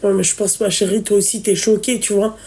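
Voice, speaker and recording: A woman's voice: mid-range voice, little pitch movement, brisk, warm tone. A woman in casual chat, reacting with shock, swearing and stumbling over her words. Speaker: friend listening.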